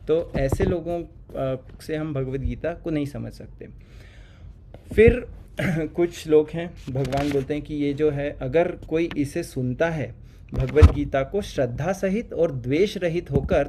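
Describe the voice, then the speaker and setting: A man teaching a scripture class online, pausing often with fillers and mixing English words into his talk. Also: on the high side, warm tone, a little hiss or hum. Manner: hesitant, many fillers, mixes English words. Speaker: spiritual teacher.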